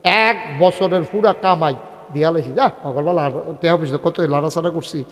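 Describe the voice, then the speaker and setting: A man's voice: on the high side, moderate pace. Rousing preacher man, long reverb. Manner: rousing, prompts the crowd to call back responses; conversational, storytelling with dialogue. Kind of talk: humorous Islamic sermon at a religious gathering.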